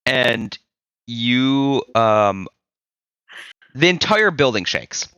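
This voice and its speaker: A man narrating as game master of a tabletop game, halting with many fillers and restarts. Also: mid-range voice, sing-song, pushed and bright, smooth, dry recording, dull audio.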